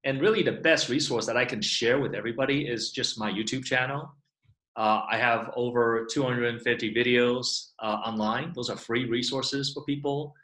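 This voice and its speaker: A man's voice: medium pitch, moderate pace, bright, forceful tone, reverberant, low-quality recording. A middle-aged man from Taiwan, a chiropractor, explaining his work in a casual online Q&A and filling his talk with "you know". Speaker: guest chiropractor. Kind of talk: online Q&A interview.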